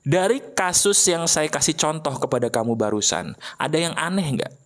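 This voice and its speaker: A man's voice: on the high side, animated, normal speed. A man gives a motivational talk as a voice-over for an animation. He addresses his listeners as friends in a direct way. He keeps checking in with rhetorical questions. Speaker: motivational speaker.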